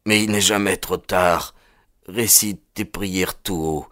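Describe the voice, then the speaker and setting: A man voicing a rough, weary frontiersman who talks slowly and tenderly to a child in an audiobook. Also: deep voice, steady tone, a bit bright, no room sound, studio quality. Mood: gentle. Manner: slow, grave, tender speech.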